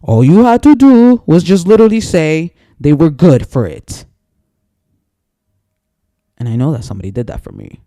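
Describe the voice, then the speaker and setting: A man rants angrily to camera with a gravelly voice that swings widely in pitch. His tone is dark and mellow, and he rambles and repeats himself as he gets worked up. The room sounds dry and close. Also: big pitch swings, normal speed, pauses often, no room sound. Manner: angry, profane, rambling and repetitive. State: emotionally worked up. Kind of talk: personal rant to camera.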